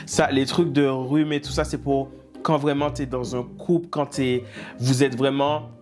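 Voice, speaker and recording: A man's voice: medium pitch, flat delivery, measured pace, faint music behind. A man hosting a reaction video, reading viewers' dating stories aloud with teasing, mock-outraged asides.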